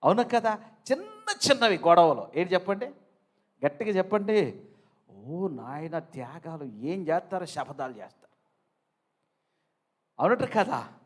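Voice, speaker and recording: A man's voice: high voice, very animated, measured pace, pauses often. Preaching man rousing his congregation. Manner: calls on the congregation to answer aloud; swings from soft to loud emphatic bursts. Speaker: pastor. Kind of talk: sermon. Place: church.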